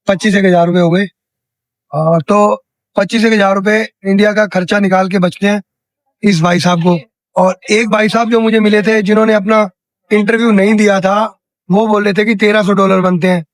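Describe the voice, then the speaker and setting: A young Indian man from India hosting a street interview vlog outdoors in a city square, chatty and repeating answers back for his viewers. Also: high voice. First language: Hindi. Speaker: travel vlogger interviewing a worker.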